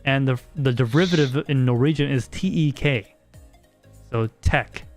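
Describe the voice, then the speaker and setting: Soft background music plays as this man from the United States hosts a laid-back podcast livestream, speaking unhurriedly in a mid-range voice. He reads viewer messages and chats with his audience, frequently repeating words while working through his thoughts.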